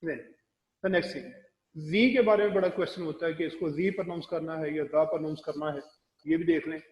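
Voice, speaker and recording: A man teaching English pronunciation in a recorded classroom lecture, explaining slowly and spelling words out letter by letter. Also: on the high side, a little mellow, reverberant, in a large hall, lo-fi sound.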